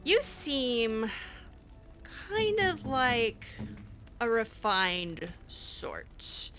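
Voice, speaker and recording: Drawing out her words with big pitch swings, a game streamer roleplays her character over a fantasy game, improvising casually with a hesitant, sassy attitude. Her voice is fairly high and a bit bright, and soft music plays in the background.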